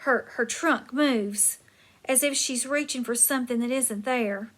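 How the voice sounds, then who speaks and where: A woman's voice: fairly high pitch, unhurried, a bit bright. A woman teacher reading a chapter book aloud to her class, stopping to explain words and check in with her listeners.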